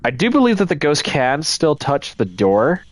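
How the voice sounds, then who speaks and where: A man's voice: fairly high pitch, huge pitch swings, moderate pace. A man streaming a ghost-hunting game live, casually thinking aloud and explaining his moves to the chat. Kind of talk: live gameplay commentary.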